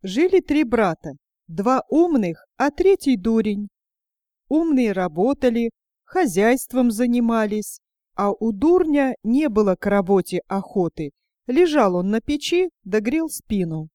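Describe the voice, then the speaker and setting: Woman reading a folk tale, mellow. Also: fairly high pitch, measured pace, no room sound, studio quality. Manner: steady storybook telling.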